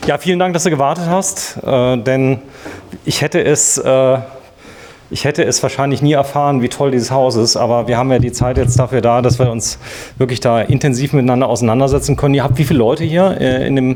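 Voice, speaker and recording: A TV presenter touring show homes walks around a show house, conducting a casual, chatty interview with a jokey manner. His mid-range voice is fairly quick and darkish in tone.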